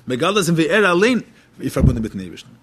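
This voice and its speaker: A man's voice: on the high side, very animated, very fast, fairly bright tone, slightly rough. A man giving a religious text lecture as a teacher, posing questions and then answering them.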